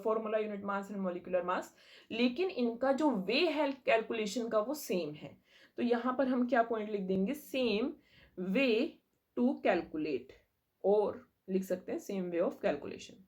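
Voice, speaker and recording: Young woman, science teacher, patient explainer, slightly high pitch. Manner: patient, explanatory, mixes in English terms and checks understanding. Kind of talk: classroom lesson explaining chemistry.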